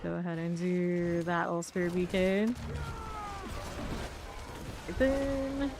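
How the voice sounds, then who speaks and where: A woman's voice: on the low side, fairly even intonation, slow, music in the background. A woman streaming a game, chatting casually and rambling to her viewers as she plays. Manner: chatty, rambling, talks to chat. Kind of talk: casual gameplay chat.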